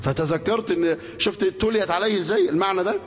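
Reciting scripture and throwing rhetorical questions at his audience, an Egyptian-accented man gives an animated religious lesson in colloquial Arabic. His voice is high-pitched and quick, with slight background noise and long hall reverb.

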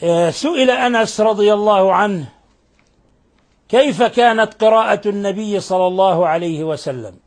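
A man's voice: high-pitched, moderate pace. A man teaching Quran recitation on a call-in show, patiently correcting each sound. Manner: patient, corrects pronunciation closely. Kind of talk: radio call-in recitation lesson.

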